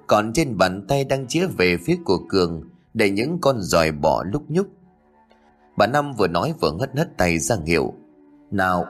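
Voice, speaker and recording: A man narrating a scripted horror story in an expressive storytelling way. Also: low-pitched.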